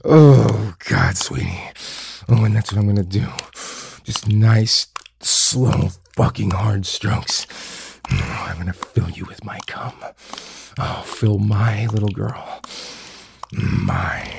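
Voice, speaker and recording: A man speaking an intimate whispered roleplay monologue in a breathy, murmuring delivery with soft sighs. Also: on the low side. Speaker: erotic audio performer.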